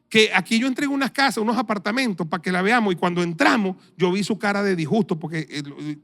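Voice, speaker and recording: A middle-aged male pastor with a Venezuelan accent, telling a story in a sermon, animated and acting out the dialogue. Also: sits high, creaky. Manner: animated storyteller, acts out dialogue, laughs often.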